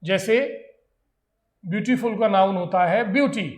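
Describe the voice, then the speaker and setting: A man with an Indian accent teaching English grammar in a classroom lecture, explaining in Hindi and reading English examples slowly. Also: high voice, reverberant.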